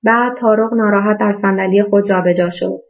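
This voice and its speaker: A woman reading a novel aloud as audiobook narrator in a steady storytelling manner, in a tinny phone-like recording. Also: mid-range voice.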